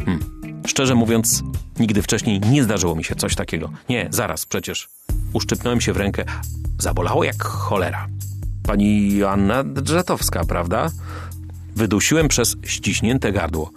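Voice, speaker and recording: A man narrates a detective tale in first person, his low voice swinging widely in pitch. He tells it wryly and expressively, with clear music playing behind him. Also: moderate pace. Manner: wry, expressive storytelling. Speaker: audiobook narrator.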